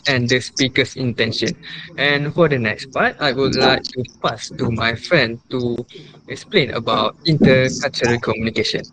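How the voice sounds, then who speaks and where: A man, leading a formal class interview in a hesitant way, pausing often on ums. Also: medium pitch, noisy background. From Malaysia. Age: 20s. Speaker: student interviewer.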